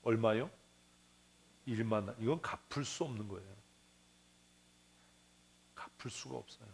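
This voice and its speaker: This pastor's lowish, creaky voice moves at a measured pace, with a little hiss or hum on the recording. In a church sanctuary he preaches conversationally on a parable, acting out its voices and asking the congregation questions.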